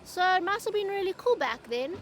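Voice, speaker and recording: A woman's voice: very high-pitched, animated, brisk, a little hiss or hum. A woman chatting casually in a travel vlog, upbeat and full of fillers, talking outdoors and later in a car. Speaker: travel vlogger.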